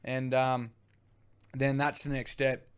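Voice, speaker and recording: A man's voice: mid-range voice, little pitch movement, slow pace, clear, resonant tone. Laid-back Australian guy telling a yarn. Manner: laid-back, rambling, swears casually. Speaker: brewery co-founder guest. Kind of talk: casual storytelling chat.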